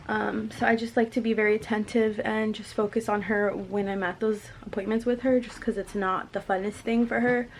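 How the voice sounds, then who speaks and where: A woman's voice: mid-range voice, gravelly, slight background noise. A young woman, a balloon decor business owner, talking casually and rambling as she works in her indoor studio with a handheld camera, laughing often. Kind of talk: casual vlog talk.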